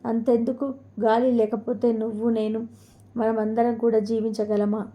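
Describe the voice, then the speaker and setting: A woman voicing a wise old male sage in a spoken storybook, in a calm, even tone. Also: on the high side, unhurried, lo-fi sound, close to an everyday voice.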